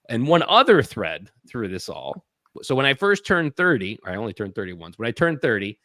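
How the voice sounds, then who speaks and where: A man's voice: fairly low pitch, fairly bright tone, no room sound, studio quality. A man in his thirties, a podcast guest, telling personal stories in an earnest way and acting out his own thoughts. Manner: earnest, acts out his own inner voice in quotes. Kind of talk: reflective storytelling in a podcast interview.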